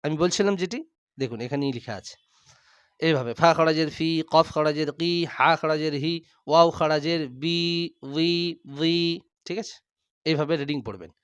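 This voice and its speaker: A man teaching Quran reading step by step, drilling letters aloud and slowly repeating each word. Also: fairly high pitch, a bit bright, clean tone, no echo. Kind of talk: step-by-step recitation lesson.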